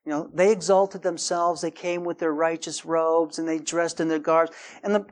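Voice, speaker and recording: A middle-aged man preaching a sermon, emphatic, his voice rising high and loud to stress points. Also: level tone, normal speed. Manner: emphatic, rising in pitch and volume for stress, acts out quoted voices. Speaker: pastor.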